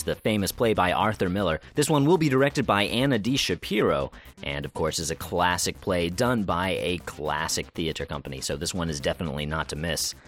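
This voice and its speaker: Lively low-voiced man hosting theater news. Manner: upbeat, promotional, leans on "of course". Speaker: podcast host. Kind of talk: read theater news podcast.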